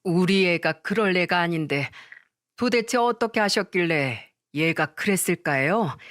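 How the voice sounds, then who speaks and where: A woman's voice: on the low side, lively intonation, measured pace, a bit bright, no echo. A woman voicing a middle-aged mother who stays polite but firm, in a storybook reading with a dry sound.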